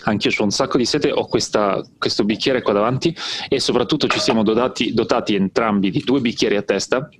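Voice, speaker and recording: A man with a fairly low voice co-hosts a relaxed chat over a remote call. He jokes easily and keeps agreeing with his partner. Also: brisk, a little hiss or hum. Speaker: podcast co-host. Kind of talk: casual chat.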